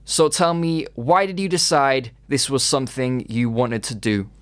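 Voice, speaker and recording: Host asking measured questions, smooth clear voice, dry sound. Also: male voice, mid-range voice, no room sound. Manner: measured, formal phrasing. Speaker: interview host. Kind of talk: scripted interview questions.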